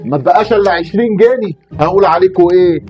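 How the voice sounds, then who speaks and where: A woman voicing a harried, broke father in a family comedy sketch, flustered and repeatedly hushing. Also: fairly low pitch, rapid-fire, muffled recording, music in the background, natural voice. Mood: dismayed, counting. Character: Mohamed, harried broke father fending off demanding kids.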